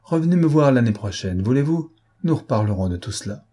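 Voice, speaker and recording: A man reads a haughty rich prince in an audiobook, a cold schemer who mocks those below him. The voice is low, dark and husky, and its scorn is clipped and cold. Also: moderate pace. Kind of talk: audiobook character voice.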